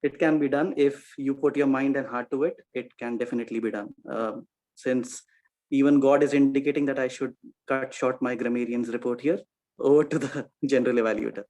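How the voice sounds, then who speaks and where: Man, grammarian's report, club meeting, middle pitch, methodical, playful with words, video call. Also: steady tone, a little mellow, low-quality recording. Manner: quick, methodical, wordplay-loving.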